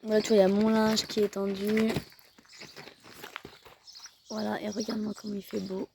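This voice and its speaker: A woman's voice: mid-range voice, flat delivery, normal speed, creaky, noisy background. A young woman rambling through a casual family vlog, with lots of fillers and self-corrections. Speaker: mother vlogging her family day. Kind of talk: casual chat to the camera.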